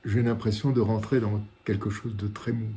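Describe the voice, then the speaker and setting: A man in his sixties speaking as a war correspondent, recounting his reporting in the first person with dramatic pauses and repetitions, recorded in a living room. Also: on the low side, little pitch movement, warm tone. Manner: dramatic storytelling with repeated phrases and pauses.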